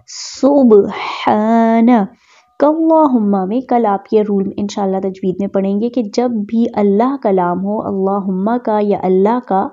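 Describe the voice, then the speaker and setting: Mellow-voiced woman teaching Quran recitation. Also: mid-range voice, muffled recording. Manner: patient step-by-step explanation, breaking into slow drawn-out recitation. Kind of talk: online tajweed lesson with slides.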